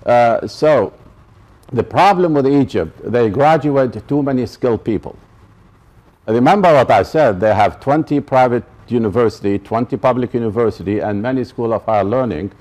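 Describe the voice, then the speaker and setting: A medium-pitched, darkish male voice at normal speed belongs to a professor from Iraq. In his public college lecture he stresses and restates the essentials and checks that everyone follows.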